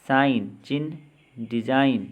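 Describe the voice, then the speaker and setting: A man's voice: medium pitch, slow pace, phone-quality sound. A man with an Indian accent teaching an English lesson, spelling words letter by letter and giving their meanings. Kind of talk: slow spoken lesson.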